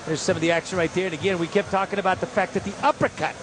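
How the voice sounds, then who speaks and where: A man's voice: sits high, steady tone, racing, music in the background. A man calling and recapping a boxing match in a conversational commentary style. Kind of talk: live fight commentary and recap. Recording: loud arena noise throughout. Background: noisy live boxing venue.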